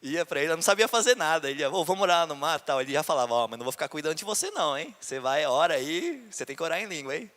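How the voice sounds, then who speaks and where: A Brazilian pastor tells his own story as a sermon testimony, acting out the voices of people he quotes. His high, fairly bright voice is animated and racing, with hardly any pauses, ringing in the long reverb of a church hall.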